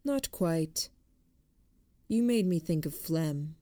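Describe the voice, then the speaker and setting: A detached, deadly woman speaks at a slow, unhurried pace, as an audiobook narrator voices her. Her voice sits low and the recording is close and dry. She sounds like she is lecturing. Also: lively intonation, mellow, dry recording. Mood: flat, dismissive. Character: cold calm deadly woman, a killer. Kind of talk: audiobook reading.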